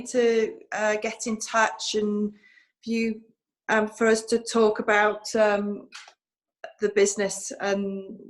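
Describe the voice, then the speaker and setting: Guest: thirties woman, slightly high voice, halting and filler-heavy. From North Wales. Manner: hesitant, many ums and restarts. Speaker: guest physiotherapist. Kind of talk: conversational interview.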